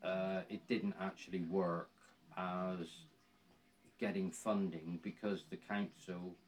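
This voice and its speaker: Low-voiced Cornish man in his sixties. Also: little pitch movement, takes it slowly. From Cornwall, England. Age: 60s. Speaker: interviewee, volunteer woodland ranger. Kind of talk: casual conversational interview.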